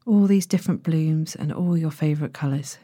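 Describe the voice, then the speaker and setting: A woman narrating a sleep story as a guided relaxation, in a gentle, hushed and breathy manner with long pauses. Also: deep voice, no room sound. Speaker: podcast host, sleep meditation narrator.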